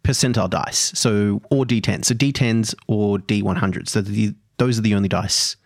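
A man's voice: lowish voice, fairly even intonation, moderate pace, dry recording, studio quality. A man as game master, explaining rules in casual, filler-heavy chat.

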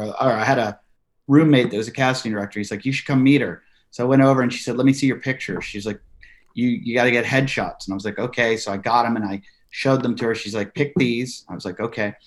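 Animated male comedian guest. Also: medium pitch, fast talker. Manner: animated storyteller acting out quotes. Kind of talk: podcast interview.

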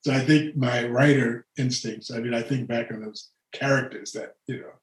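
A man's voice: medium pitch, steady tone, moderate pace, echoey room, poor audio. An older man, a retired orchestral horn player, telling rambling anecdotes as an interview guest, laughing often and restarting his sentences. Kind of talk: relaxed storytelling conversation.

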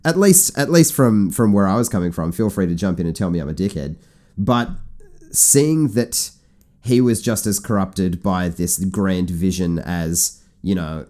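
A man's voice: sits low, lively intonation, measured pace, a little mellow. A man co-hosting a casual podcast chat, enthusiastic and rambling with restarts. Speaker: podcast co-host.

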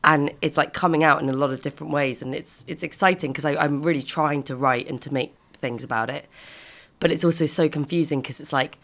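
A British woman in her twenties with a croaky voice left by a virus, chatting candidly and a little haltingly. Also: deep voice, fairly even intonation, fairly bright tone. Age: 20s. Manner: candid, halting, frequent swearing. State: lingering croakiness after a virus. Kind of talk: casual intimate chat.

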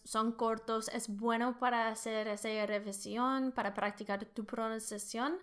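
A woman's voice: a little high, a bit bright, clean tone. A woman who speaks Spanish as a second language, with an English accent, hosting a language lesson and modelling phrases for listeners to repeat. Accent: English-speaking learner of Spanish. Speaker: language teacher, podcast host.

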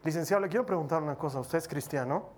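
A male preacher voicing an earnest young female university student who asks him a question with quiet admiration. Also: fairly high pitch, rapid-fire, pitched below the performer's own voice, natural voice.

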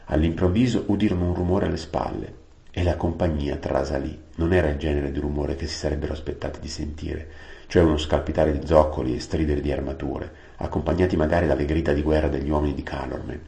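A man narrating a storybook aloud, unhurried, adding plain-word glosses. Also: very deep voice, fairly even intonation, vocal fry, warm tone. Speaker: audiobook reader. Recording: roomy echo.

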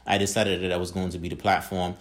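Middle-aged man from Haiti, quick and lowish, formal, leans on stock phrases in interview answers. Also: little pitch movement. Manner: formal, repeats "that specific" and "kinda just". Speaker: entrepreneur guest.

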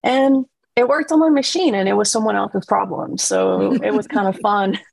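A woman from Costa Rica, a guest on a panel chat, introducing herself briskly and cheerfully. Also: medium pitch, steady tone, vocal fry, darkish tone. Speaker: guest, developer advocate.

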